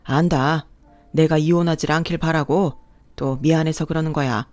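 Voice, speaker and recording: A performer voicing an older father-in-law who speaks slowly and gravely, full of remorse, in a radio drama. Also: on the high side, steady tone, darkish tone, no echo, soft background music, lightly acted. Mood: remorseful. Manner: slow, grave, apologetic.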